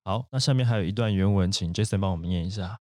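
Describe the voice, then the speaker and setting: A man's voice: low voice, quick pace, darkish tone, dry recording, clean studio sound. A man hosting an English vocabulary lesson, explaining at length with fillers and asides. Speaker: podcast host.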